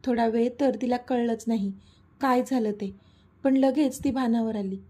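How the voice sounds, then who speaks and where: A woman narrates a serialized romance in a steady, even reading. Her voice sits a little high, yet it sounds mellow and husky. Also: normal speed. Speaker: story narrator. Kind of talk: scripted story narration.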